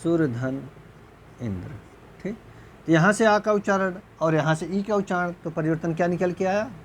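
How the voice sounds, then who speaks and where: There's a bit of hiss or hum on this recording of a man teaching Hindi grammar for exam prep. Slow and repetitive, he keeps clearing his throat, checks comprehension with rhetorical questions, and lets his voice sink low as he finishes answers.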